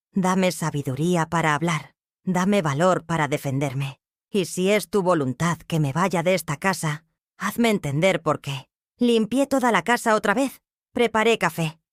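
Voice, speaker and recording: An older woman narrates her own story in a measured, emotional way. Her voice sits on the low side, and the recording is close and dry. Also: no room sound. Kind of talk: scripted first-person narration.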